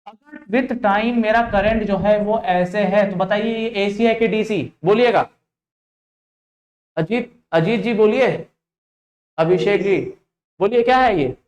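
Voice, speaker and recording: A man's voice: high-pitched, takes it slowly, pauses often, darkish tone, highs cut off. An Indian man teaching a live online class, quizzing students and repeating short check-ins as he explains. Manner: interactive, repeats "ठीक है" and "देखिएगा", drills students with questions. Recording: echoey room.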